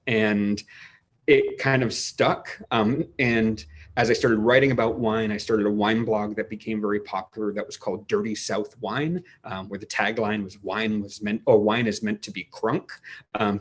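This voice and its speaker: 40s guy from new england, lowish voice, excited winemaker rambling on a video call. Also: moderate pace. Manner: enthusiastic, rambling explanations with many restarts. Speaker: winemaker guest. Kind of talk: casual interview over a video call.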